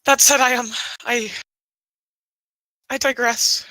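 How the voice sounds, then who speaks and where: A shy, winged dragon-kin woman, played by a woman in a tabletop role-play, stumbling over her words with ums and restarts. Her voice is bright and clear. The recording is close and dry. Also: on the high side, fairly even intonation, dry recording, voice pushed up, exaggerated voice, low-quality recording. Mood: hesitant. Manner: hesitant, halting, full of restarts and ums. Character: shy female Manakete with wings.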